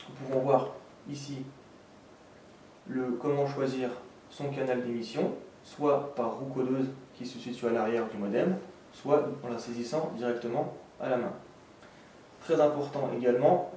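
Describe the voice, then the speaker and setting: With a warm, mid-range voice, a man explains a technical tutorial in an instructional, methodical way, step after step. The setting is an indoor room with a desk and a green backdrop. Faint noise and room echo come through, since the mic is placed far away.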